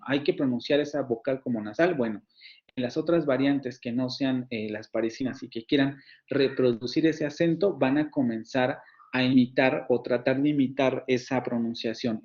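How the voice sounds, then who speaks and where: A man's voice: mid-range voice, a little mellow, dull audio. A man with a Mexican Spanish accent giving an online university phonetics lecture, explaining patiently and repeating words as he demonstrates sounds.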